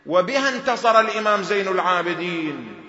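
A man preaching a mourning sermon, telling the story dramatically, dropping to low murmurs and rising to cries. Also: animated, a little fast, pushed and bright, echoey room, highs cut off.

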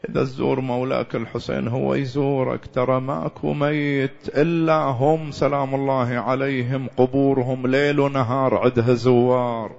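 A man with an Iraqi accent preaching a mourning sermon, swinging from loud to hushed and sometimes breaking into a chant. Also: medium pitch, little pitch movement, moderate pace, gravelly, hardly any pauses, highs cut off.

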